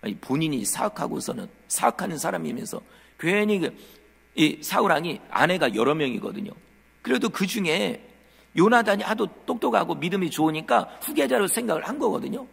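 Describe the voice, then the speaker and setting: A male pastor delivers a lively sermon, his voice swooping up and down as he tells the story. His tone is gravelly and a little husky. The sound carries a long reverb from the church hall. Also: high voice, brisk. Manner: animated storytelling, acting out quotes; addresses the congregation directly. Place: church sanctuary.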